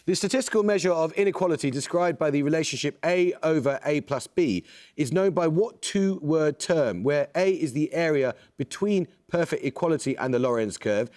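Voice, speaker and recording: A man hosting a quiz show, reading questions in a crisp, measured, authoritative way. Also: a little high, lively intonation, a little mellow.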